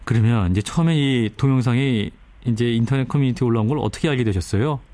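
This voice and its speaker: A man's voice: medium pitch, fast, dark tone, no room sound. A man hosting a radio news show, introducing items and putting questions to guests in broadcast style. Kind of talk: broadcast interviewing. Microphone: close studio microphone.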